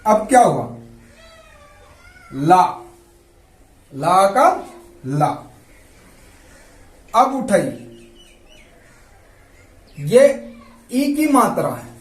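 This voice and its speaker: A man's voice: high voice, big pitch swings, drawn-out words, long pauses, echoey room. A man teaching a lesson, patiently repeating and spelling out sounds. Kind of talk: slow explanatory lesson.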